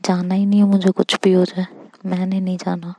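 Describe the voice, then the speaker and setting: A woman voicing a flustered young man who stammers and stubbornly refuses, in a husky, flat voice. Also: on the low side, fairly quick.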